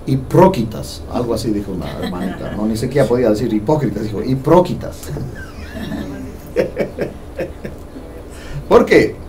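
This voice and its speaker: A man's voice: medium pitch, darkish tone, distant mic, a little hiss or hum. A man preaching a sermon to a congregation in a conversational way, joking with them as he goes. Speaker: pastor. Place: church hall.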